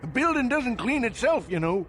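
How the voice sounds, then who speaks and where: An actor playing a grumpy, folksy old janitor in a video game, with a rambling, stammering way of talking. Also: male voice, extremely high pitch, big pitch swings, normal speed, fairly bright tone, full character voice. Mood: folksy, reserved. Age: older.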